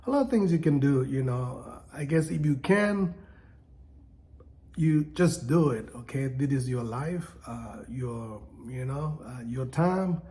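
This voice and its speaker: A man in his fifties, from Thailand, talking casually and haltingly to camera from home about his coming retirement, with many fillers and restarts. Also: medium pitch, expressive, warm tone. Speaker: vlogger. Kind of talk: casual unscripted talk to camera.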